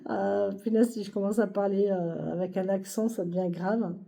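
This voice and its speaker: A woman's voice: medium pitch, fairly even intonation, moderate pace, vocal fry, dark tone. A woman giving a weekly tarot reading to camera, speaking to viewers in a reassuring way and hesitating often with fillers and repeated phrases. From France. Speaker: tarot reader.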